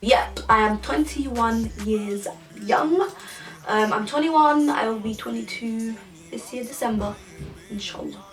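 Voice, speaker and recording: At a measured pace and a slightly high pitch, a twenty-something YouTuber from England chats through her vlog Q&A, rambling and frequently starting over. She's recorded from a distance, a little off-mic, with echo in the room and music in the background.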